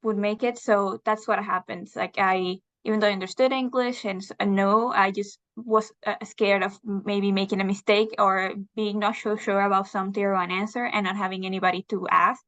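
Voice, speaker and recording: A young woman from Venezuela, a guest in a video interview, answering thoughtfully with hesitant filler pauses. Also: medium pitch, a bit bright. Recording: slightly dull lo-fi sound.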